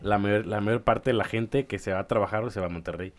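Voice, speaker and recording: A man from Tampico, Mexico, chatting casually on a podcast, often pausing and checking with "¿no?". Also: lowish voice. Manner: hesitant, adds "¿no?" checks and small corrections. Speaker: podcast co-host or guest. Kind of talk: casual chat.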